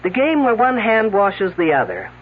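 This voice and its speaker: On a muffled old radio broadcast, an actress plays a brash, shrewd woman detective who wisecracks sarcastically and speaks with sardonic command. Her medium-pitched voice swings hugely in pitch at normal speed, mocking and confident. Slight background noise is present.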